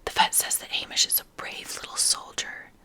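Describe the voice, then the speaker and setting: A woman's voice: normal speed, sharp tone, close to an everyday voice. A woman in whispered role-play voicing a kindly, forgetful older lady neighbour from a storybook, gossipy and fussy. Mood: fond, chatty.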